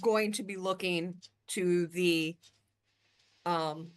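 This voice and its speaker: Woman, tabletop player, slow deliberate speech, lowish voice. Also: fairly even intonation, clear, resonant tone. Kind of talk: describing her character's actions.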